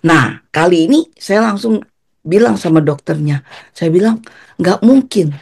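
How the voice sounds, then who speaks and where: A woman's voice: normal speed, gravelly, slightly rough. Woman telling a vivid personal testimony. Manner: animated, acts out quotes with pitch jumps. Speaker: guest giving testimony.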